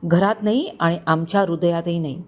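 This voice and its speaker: A woman's voice: on the low side, moderate pace, voice pushed down, natural voice. A woman voicing a stern father who harshly disowns his daughter in a storybook reading. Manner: harsh, shouting.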